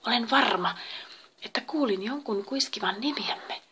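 Stubborn young wife hissing quietly, woman doing her, gravelly voice. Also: medium pitch, fairly even intonation. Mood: insistent. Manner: hushed, sharp and insistent.

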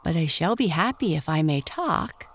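A storyteller voicing a timid, curious little dragonfly grub in a bedtime story, speaking politely and quietly. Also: medium pitch, animated, normal speed, lightly acted. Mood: earnest. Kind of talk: storybook character voice.

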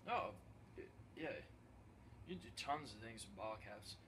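Speaking at a moderate pace with lively intonation, this young adult man has a lowish, natural voice. He plays a proud, clueless slacker giving a smug, rambling, laid-back tour of his messy basement, saying "wicked convenient" over and over, while the other man films on a handheld phone with background noise audible.

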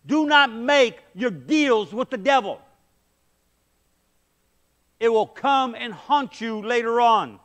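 Pastor guy preaching in a church, really high voice for a man, punchy and emphatic, lots of rhetorical questions. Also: animated, slow, pauses often, a bit bright. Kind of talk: sermon. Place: church sanctuary, medium-sized, indoors. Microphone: headset mic.

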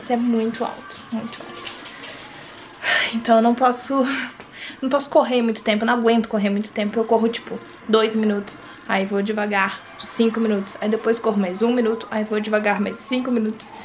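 A woman's voice: on the high side, flat delivery, brisk, a little hiss or hum. Chatty young woman vlogging at home. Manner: chatty, talks to camera and coos to her baby. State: out of breath after the gym. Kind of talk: casual home vlog.

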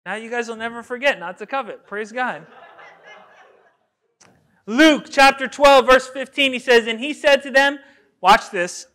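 A pastor preaching a sermon in a lively, conversational way, full of rhetorical questions and little acted-out quotes. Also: male voice, sits high. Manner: acts out everyday quotes in voices. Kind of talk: expository sermon.

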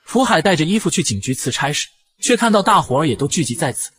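Man quickly recapping a tv drama, bouncy up-and-down voice, lively storytelling. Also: a little high, husky. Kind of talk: storytelling narration.

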